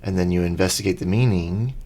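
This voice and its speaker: A man's voice: deep voice, quick pace, warm tone. A man co-hosting a podcast in casual chat, easygoing, agreeing often and restarting his sentences. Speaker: podcast co-host.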